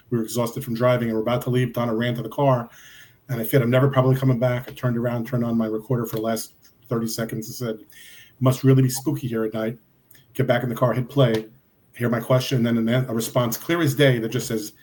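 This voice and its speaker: A man recounts a ghost-hunting trip in easygoing, plain-spoken podcast chat. His voice sits at an ordinary middle pitch. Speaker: paranormal investigator, podcast guest. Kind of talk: casual podcast storytelling.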